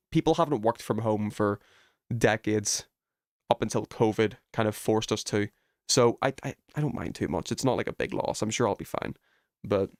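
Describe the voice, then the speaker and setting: A man with a fairly low pitch chats informally while live streaming a video game, thinking aloud to work out puzzles. The recording is clean studio sound without room sound.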